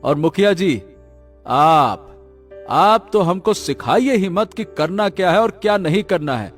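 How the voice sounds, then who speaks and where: A man's voice: sits high, expressive, a little slow, soft background music. A man voicing a proud, defiant poor male woodcutter in a cartoon.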